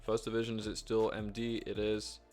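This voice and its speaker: A young man streaming himself playing a board game online, talking to himself with excitable, swearing commentary. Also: on the low side, brisk, soft background music. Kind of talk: live gameplay commentary.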